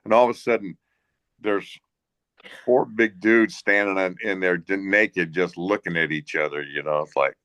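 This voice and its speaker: Guest storyteller: a low-voiced man, dry close sound, halting, full of restarts. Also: a bit bright, dry recording. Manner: rambling, halting delivery with frequent restarts and chuckles. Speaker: guest, hunting guide and bush pilot. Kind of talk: casual anecdotal storytelling in a Q&A.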